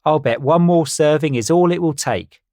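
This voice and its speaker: A man's voice: fairly high pitch, moderate pace, dark tone, no echo, studio quality, pitched above the performer's own voice, close to an everyday voice. A man voicing a gullible, eager small male bird in a storybook reading, talking in a naive, enthusiastic way.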